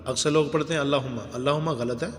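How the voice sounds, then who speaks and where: A man's voice: medium pitch, in a large hall. A man teaching careful recitation, patiently correcting pronunciation word by word. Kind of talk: religious recitation lesson.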